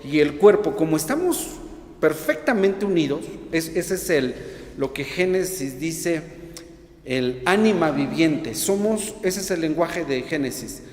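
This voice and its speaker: Guy giving a sermon, bit high voice, keeps asking the room questions, long hall reverb. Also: lively intonation, a little slow. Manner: prays then teaches, asks the audience questions. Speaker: preacher. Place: church hall.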